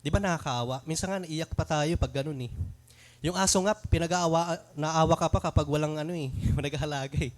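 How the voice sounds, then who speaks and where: A man's voice: fairly high pitch, fairly quick. A young man preaching a sermon in a conversational way, asking rhetorical questions, slipping English phrases in, and sometimes stumbling and restarting words. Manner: mixes English phrases into his talk.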